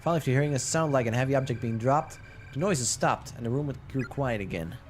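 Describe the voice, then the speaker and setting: A man's voice: mid-range voice, quick pace, soft background music. A man streaming a horror game, reading its text aloud in a dramatic first-person voice with wry asides.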